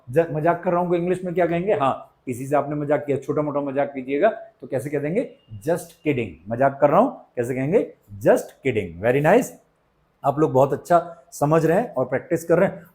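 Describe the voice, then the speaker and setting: Indian guy teaching english, kinda high voice, says each phrase super slow, jokes around and quizzes you. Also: a little mellow. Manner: explains in Hindi, says English phrases slowly and clearly; playful, asks the viewers questions and jokes. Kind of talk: spoken English lesson.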